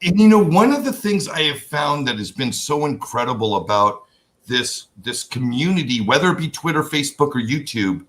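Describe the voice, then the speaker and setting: A man's voice: mid-range voice, very animated, moderate pace, a bit bright, slight background noise. An older man hosting an interview show, talking in an enthusiastic, rambling way with frequent restarts. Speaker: host. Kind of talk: casual interview chat.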